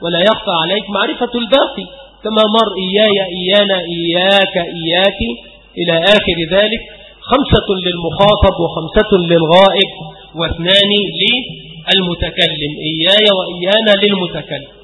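Man, grammar teacher, lecture, quizzes himself and repeats examples, forceful tone, roomy echo. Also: high-pitched, fairly quick, slight background noise. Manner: explains with questions he answers himself, drills example words. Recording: echoey hall with long reverb.

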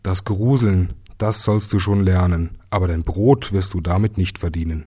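A man's voice: deep voice, steady tone, moderate pace, warm tone, natural voice. A man playing a stern fretful old father. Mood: resigned. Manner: scolding, sighing.

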